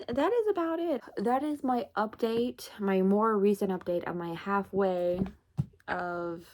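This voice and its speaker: A woman's voice: fairly low pitch, gravelly, darkish tone. A woman vlogger casually recapping a novel, chatty with many fillers and some swearing. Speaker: book vlogger.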